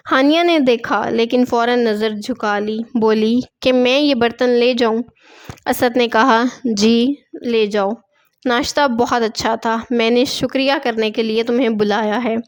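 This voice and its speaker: A woman narrating a long storybook tale in a steady, gentle reading voice, reading the dialogue within the narration. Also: a little high, smooth.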